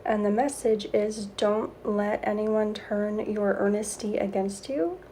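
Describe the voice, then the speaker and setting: A woman speaks in a soft, breathy voice, gently and meditatively guiding an energy healing session as the host. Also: mid-range voice, fairly even intonation, measured pace, slight background noise. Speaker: Reiki healer and host.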